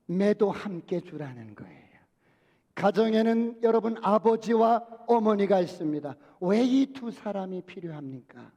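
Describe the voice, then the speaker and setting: A pastor with a high, mellow voice preaches in a church sanctuary, putting questions to the congregation and then answering them. The recording carries the long reverb of a church hall.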